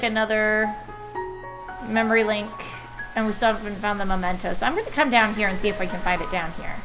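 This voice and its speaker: A woman's voice: medium pitch, poor audio. A woman playing a story game, chatting and thinking aloud as she reads its dialogue. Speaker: let's play gamer. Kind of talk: casual gameplay commentary. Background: game soundtrack music.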